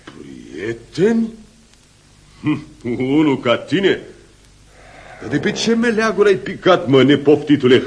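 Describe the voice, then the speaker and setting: A man's voice: on the high side, expressive. An actor playing an arrogant, feared male bear who insults and boasts. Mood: boastful. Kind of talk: radio play acting.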